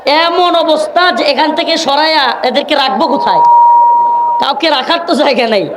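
A man preaching to a large gathering from a stage, scolding and pleading with the crowd to settle and chanting scripture. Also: very high-pitched. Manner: scolding and pleading with a noisy crowd, stern warnings; chants scripture slowly in a sung tone. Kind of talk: outdoor religious sermon to a crowd. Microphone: microphone through loudspeakers. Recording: echoey PA with crowd noise.

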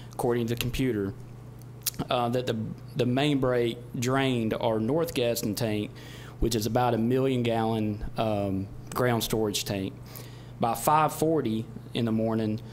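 A middle-aged man giving a measured, explanatory report at a podium microphone in a meeting chamber. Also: medium pitch. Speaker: utility general manager. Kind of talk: semi-formal spoken report at a public meeting. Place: indoor council chamber. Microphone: podium gooseneck microphone. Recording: background noise, room ambience.

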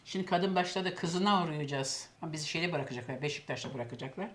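A woman's voice: deep voice, quick pace. An older woman, casually telling a long anecdote and acting out what others said. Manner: lively storyteller, acts out quoted voices. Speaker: cooking show host telling a story.

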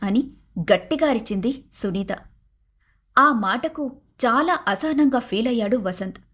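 A woman narrating an animated moral story in a steady storytelling manner. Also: fairly high pitch, a little slow. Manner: even, storytelling narration between dialogue.

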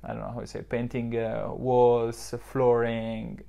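A man's voice: mid-range voice, flat delivery, a little slow, gravelly, dark tone, lo-fi sound. Young man answering in a podcast interview. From southern Switzerland. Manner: reflective, many fillers and restarts. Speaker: startup founder, guest. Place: modern office lounge, indoors. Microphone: lapel mic.

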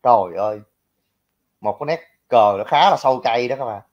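A man's voice: mid-range voice, lively intonation, brisk, highs cut off. A man giving blunt, mocking casual political commentary, talking directly to his viewers. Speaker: livestream commentator.

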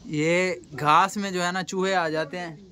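A man's voice: high voice, fairly even intonation, a little slow, sharp tone. A young man from Pakistan vlogging a casual walking tour of a cattle farm, guiding viewers and asking the workers questions. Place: outdoor rural cattle farm.

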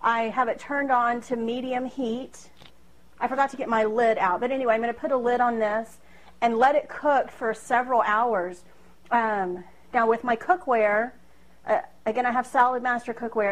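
In a small home kitchen, a woman in her thirties runs a casual cooking demo, speaking in a slightly high, steady tone at a moderate pace. A camera across the room makes for a rough recording of her chatty, self-mocking banter, full of fillers and laughter.

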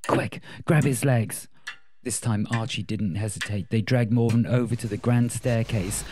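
A man narrating a story in a measured, steady audiobook style. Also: fairly low pitch, a little hiss or hum.

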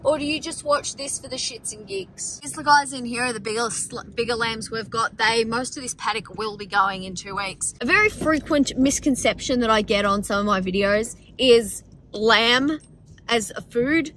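A young Australian farm vlogger in her twenties chats casually to a phone camera held at arm's length, filming in her car, on a tractor, and out in the paddocks. She's wry and blunt about farm work and swears freely. Her fairly high, slightly bright voice moves at normal speed over slight background noise in a rough recording.

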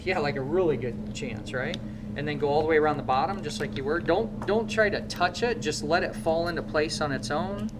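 A man in his thirties with a Midwestern American accent gives a hands-on motorcycle repair demonstration in the shop, coaching his students and quizzing them as he works. His voice is on the high side and brisk, and the background is noisy.

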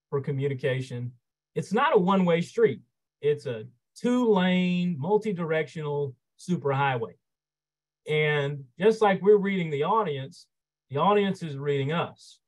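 Brief: male lawyer-presenter, slightly high voice, explanatory webinar delivery, dynamic inflection. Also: rough recording. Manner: expressive, shifts loudness and pace for emphasis; measured, explanatory, occasional fillers. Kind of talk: instructional webinar talk.

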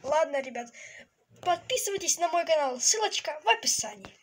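A woman's voice: sits high, expressive, brisk. A woman playing a timid, whining young male patient in an amateur toy animation. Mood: complaining. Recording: noisy home recording with clicks.

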